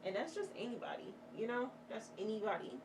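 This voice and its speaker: A woman's voice: on the high side, expressive, brisk. A woman vlogger chatting candidly while doing her makeup, rambling and heartfelt, swearing freely as she gives motivational talk. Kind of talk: casual get-ready-with-me chat. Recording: distant mic with clear background noise.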